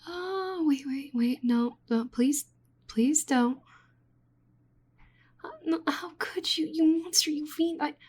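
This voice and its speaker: In an ASMR roleplay, a woman voices a nerdy, flustered slime-girl researcher in a soft, high-pitched voice. She sounds distraught, rambling and stammering with fussy exasperation.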